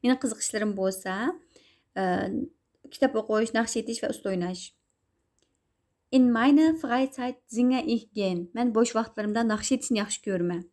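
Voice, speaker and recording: In a recorded language lesson, a young woman who is a native Uyghur speaker teaches German. She reads each example sentence slowly and a bit louder, then explains it in a calmer, lower voice.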